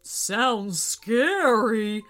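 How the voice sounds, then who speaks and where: A woman's voice: fairly high pitch, lively intonation, extremely slow, a bit bright, full character voice. Woman voicing a timid, worried whale. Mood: nervous. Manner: hesitant, worried. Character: timid nervous whale who fears the dark.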